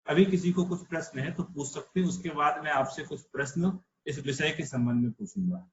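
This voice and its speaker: A man's voice: on the high side, brisk, echoey room, lo-fi sound, a little hiss or hum. A man teaching an online religious philosophy class, explaining patiently and asking rhetorical questions. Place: online video call class.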